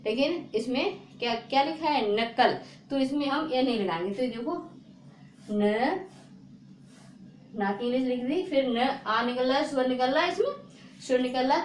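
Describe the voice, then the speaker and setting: A woman teaching a spelling lesson, repeating words slowly and asking her viewers rhetorical questions. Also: high-pitched. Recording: echoey room with faint noise.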